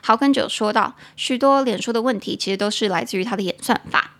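A young woman hosting a casual podcast English lesson, chatty, spelling words out slowly letter by letter. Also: a little high, fairly bright tone. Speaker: podcast host teaching English.

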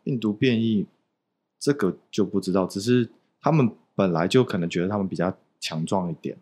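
A man's voice: sits low, brisk, darkish tone, breathy edge. A young Taiwanese man with a Taiwanese Mandarin accent, a podcast guest telling loose, rambling anecdotes with frequent chuckles. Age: young adult. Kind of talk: casual chat.

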